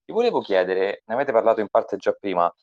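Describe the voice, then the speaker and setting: A man calling in remotely to an interview, asking polite, measured questions with pauses. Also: on the low side, big pitch swings, no echo. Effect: remote caller over a dull, lo-fi line. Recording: dull lo-fi call line.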